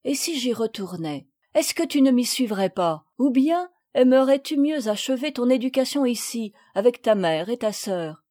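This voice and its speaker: A woman reading the part of a gentle older father, speaking calmly and kindly. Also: a little high, moderate pace, few pauses. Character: gentle older male father, naval officer.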